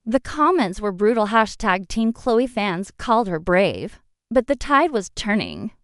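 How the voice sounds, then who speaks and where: A woman narrating a dramatic first-person revenge story in an expressive storytelling manner. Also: medium pitch, unhurried, no echo, clean studio sound.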